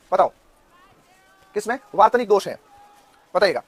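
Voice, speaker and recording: A man in his thirties with a Rajasthani Hindi accent, teaching an online exam-prep Hindi class and firing quick questions at his students. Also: sits high, sing-song, husky, no echo. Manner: drilling students with quick questions, loud and insistent.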